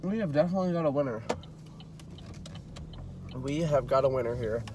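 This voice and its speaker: A man's voice: mid-range voice, expressive, normal speed. Rambling sick young guy vlogging. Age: young adult. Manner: rambling, exclamatory, swears freely. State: sick with a head cold, congested. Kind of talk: casual day-in-the-life vlog. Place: in a car, later at home. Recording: noisy car background.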